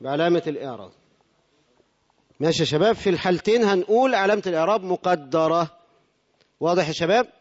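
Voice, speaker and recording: A man's voice: sits high, lively intonation, quick pace, pauses often. A man with an Egyptian Arabic accent teaching a grammar lesson to a class, putting questions to the students and answering them himself. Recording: dull lo-fi recording with long hall reverb.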